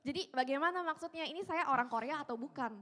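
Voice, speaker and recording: Woman, stage interpreter, high voice, rapid delivery, long hall echo. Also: a bit bright.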